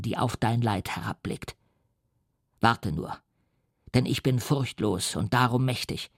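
A man's voice: mid-range voice, gravelly, breathy edge, no room sound, studio quality. A male audiobook reader voicing a lonely, wronged creature who turns vengeful, speaking in a choked, menacing voice. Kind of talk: audiobook reading.

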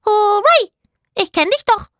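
A woman voicing a cheeky, chattering parrot with a shrill squawking voice, mocking and flirty, in an audiobook. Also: expressive, a little slow, a bit bright, dry recording, clean studio sound, full character voice. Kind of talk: audiobook narration.

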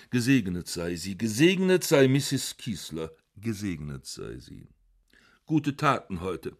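A man narrating literary prose in a dry, ironic, measured way. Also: mid-range voice. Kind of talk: literary reading.

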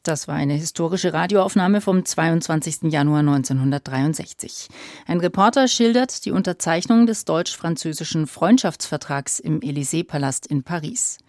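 A woman's voice: deep voice, a little mellow, no echo, studio quality. A woman hosting a news podcast, reading scripted narration. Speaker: podcast host.

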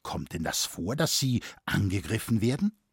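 A man's voice: on the low side, sing-song, normal speed, breathy edge, dry recording, studio quality, full character voice. A man voicing a naive, easily frightened city schoolmaster who speaks properly and stammers when shocked. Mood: anxious. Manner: fussy, stammering, proper speech.

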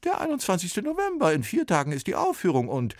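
An exasperated music copyist grumbles and scolds in a raised, strained voice, acted out by a man reading a storybook. His pitch leaps about as he complains, and the sound stays close and dry. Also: wildly swooping pitch, fast talker, no echo. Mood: scolding.

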